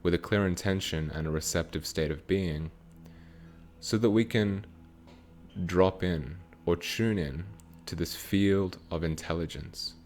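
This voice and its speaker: A man giving a channeled spiritual teaching with guided meditation, speaking slowly in short, measured phrases. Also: sits low, a little mellow.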